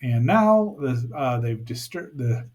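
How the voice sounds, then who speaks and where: A man's voice: mid-range voice, big pitch swings, takes it slowly, a little mellow. A man hosting a podcast, giving a casual recap and commentary with wry, hesitant asides. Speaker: podcast host.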